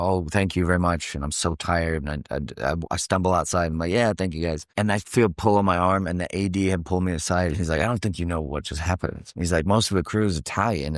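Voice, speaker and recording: A middle-aged man with a low, deep voice, an actor telling stories on a podcast. He talks with animated energy and acts out the lines of the people in his stories. The sound is close and dry. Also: no echo. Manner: lively anecdotal storytelling, acting out quoted lines. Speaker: actor and acting coach, guest. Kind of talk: animated storytelling in a podcast interview.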